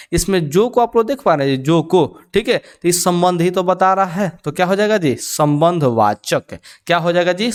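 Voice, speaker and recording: Man, young adult, exam-prep teacher, call-and-response drilling, joking asides, fairly high voice, smooth clear tone. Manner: call-and-response questioning with "kya ho jayega ji?"; chatty, joking asides in local dialect.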